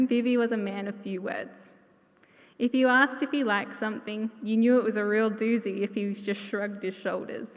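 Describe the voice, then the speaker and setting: A woman giving a memorial tribute in a church, telling warm stories with gentle humor. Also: fairly high pitch. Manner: heartfelt, gently humorous storytelling. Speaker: eulogy speaker. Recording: tinny, echoey church hall.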